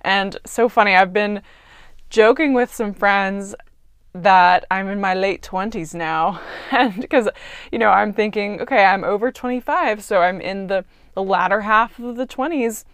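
A woman's voice: mid-range voice, measured pace, a bit bright, clean tone, no room sound, studio quality. A woman in her twenties hosting her own podcast, talking in an earnest, chatty way and thinking aloud with little fillers. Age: 20s. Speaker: podcast host. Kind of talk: casual reflective monologue.

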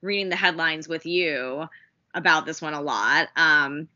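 Bright-voiced woman co-hosting a podcast. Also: sits low, measured pace, muffled recording. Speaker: podcast co-host. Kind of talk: casual podcast chat.

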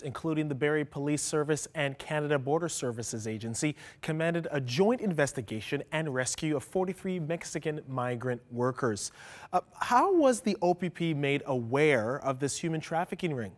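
Measured male news host. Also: on the high side, no room sound. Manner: measured, formal questioning. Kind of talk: news narration and interview.

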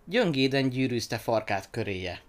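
A man narrating a children's story aloud in an expressive, animated reading. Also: medium pitch.

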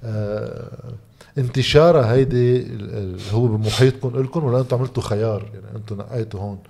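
A man with a Lebanese Arabic accent interviews casually, phrasing things loosely. His voice is dark and creaky, and he moves along quickly. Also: medium pitch, steady tone. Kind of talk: casual conversation.

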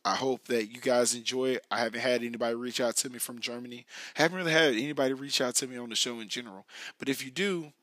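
A man with an American accent chats casually to his podcast listeners. His voice is hoarse and gravelly, a raspy whiskey sound as if it is giving out, sitting at an average male pitch. He rambles in loose slang, recorded dry with no room sound. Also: fast, a bit bright, no echo. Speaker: podcast host. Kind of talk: casual solo podcast talk.

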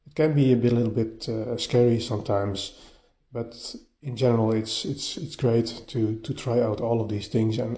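A man with a mellow voice hosts his solo podcast. He talks straight into his phone's voice-note app, so the sound is dull and lo-fi, with a little room echo from a half-furnished bedroom. He speaks haltingly and often repeats words as he restarts. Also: medium pitch. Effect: voice recorded on a phone. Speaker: podcast host. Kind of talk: casual solo podcast monologue. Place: partly furnished bedroom, a bit echoey. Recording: lo-fi phone recording, echoey room.

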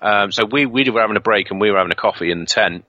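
A man from the UK, a guest on an interview, telling animated, rambling anecdotes full of fillers. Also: lowish voice, racing, no echo, lo-fi sound. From United Kingdom. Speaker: ghost hunter guest. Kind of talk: casual storytelling interview.

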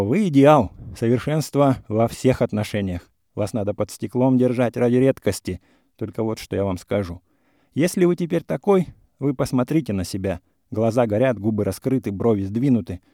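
A man's voice: mid-range voice, animated, moderate pace, dark tone, dry recording, studio quality, close to an everyday voice. A man reading as a sarcastic young lady. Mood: scornful. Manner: ironic, teasing, scornful. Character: sharp-tongued mocking young woman, gentry. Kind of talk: audiobook character reading.

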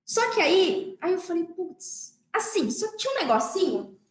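A woman's voice: extremely high pitch, big pitch swings, moderate pace. A young adult woman with a Brazilian accent, a dentist telling her story to colleagues in a chatty way and often checking in with her listeners. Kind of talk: casual storytelling to an audience of colleagues. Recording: echoey room.

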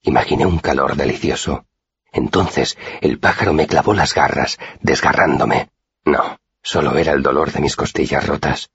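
A man narrating an audiobook in a steady, measured first-person telling, in a dull, dry recording. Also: very deep voice, vocal fry, slightly rough, dry recording.

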